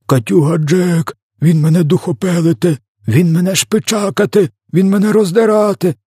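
A man's voice: high-pitched, normal speed, dark tone, husky, no room sound, clean studio sound, pitched above the performer's own voice. A man voicing a huge male man-eating giant who wails and pleads in panic during a nightmare. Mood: terrified wailing. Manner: wailing, pleading, panicked screams.

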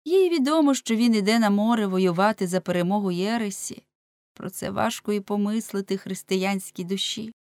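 A woman's voice: medium pitch, fairly quick, a little mellow, no echo, voice pushed up, close to an everyday voice. A woman voicing a devout young servant girl in an audiobook, talking in an earnest, pleading way.

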